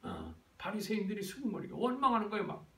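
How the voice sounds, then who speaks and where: A male pastor preaches a sermon in a church sanctuary, often putting questions to the congregation and drawing answers back. His high-pitched voice is fast, pushed and bright, with huge pitch swings, and it comes from far off in an echoey hall.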